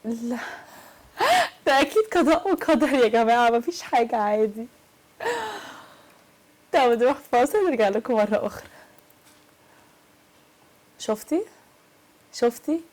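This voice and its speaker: A woman with an Egyptian accent hosting a prank show, arguing loudly and defiantly, throwing back short repeated retorts. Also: a little high, normal speed, pauses often. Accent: Egyptian Arabic. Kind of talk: heated argument with a guest.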